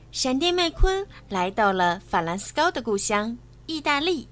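Brief: female children's storyteller, animated bedtime narration, bright-ish pitch, faint music behind. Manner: lively and expressive for children.

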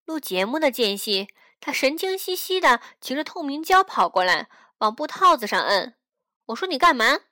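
A woman reading a story aloud in a gentle, intimate storytelling manner, acting out the dialogue as she goes. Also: high voice, sing-song, normal speed, no echo. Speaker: radio reader. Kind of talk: storybook narration over music. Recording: dry close mic with soft background music.

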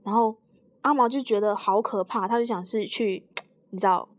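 A young woman co-hosting a podcast, telling a spooky story slowly and casually, often laughing. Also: medium pitch. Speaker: podcast co-host.

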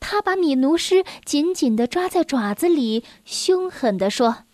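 A woman's high voice carries a children's story at a measured pace, delivered gently and expressively with occasional asides to the kids listening. The recording is dry.

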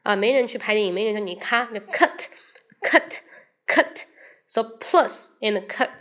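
A woman from China hosting a casual livestream English lesson, chatting with viewers, switching between Chinese and English and slowly repeating words to show how they sound. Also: medium pitch, a bit bright. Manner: addresses viewers directly and invites questions.

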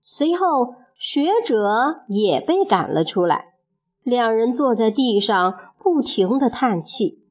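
Expressive woman telling a children's story. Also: a little high, slow.

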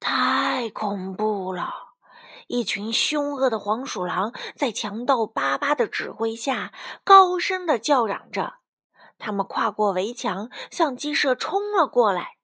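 Slow expressive woman reading a storybook. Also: fairly high pitch, slightly rough. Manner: expressive, explaining to a child.

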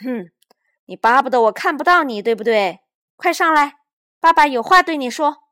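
A woman voicing a scolding mother calling her son home in a storybook reading, loud and shrill. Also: lively intonation, normal speed.

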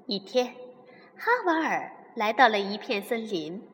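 A woman hosting a bedtime story show and reading a children's story aloud, warm and expressive. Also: medium pitch, measured pace. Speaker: storyteller host. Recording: long reverb.

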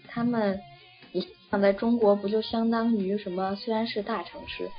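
A woman's voice: medium pitch, fairly even intonation, moderate pace. A young woman from China chatting casually and rambling, with many fillers and restarts. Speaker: interviewee. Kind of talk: casual chat. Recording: dull lo-fi audio with faint music.

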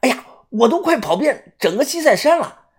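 A woman voicing a brash, crude, excitable young treasure digger in an audiobook, talking loud and whiny. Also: a little high, moderate pace, slightly rough, voice pushed up, full character voice. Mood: excited. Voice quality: coarse, swearing. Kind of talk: audiobook character voice.

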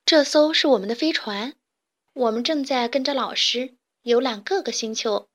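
A woman's voice: fairly high pitch, expressive, normal speed, fairly bright tone. A woman voicing a cheerful young male alien chick in a storybook, chirpy, eager and a little proud. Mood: lively. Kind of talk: storybook character voice.

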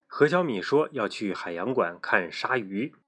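A father reading a children's story aloud with an expressive, animated delivery. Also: lowish voice, a little slow.

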